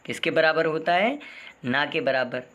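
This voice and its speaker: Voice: mid-range voice, moderate pace, a bit bright, highs cut off. A teacher explaining spelling and pronunciation, asking rhetorical questions and repeating the answers.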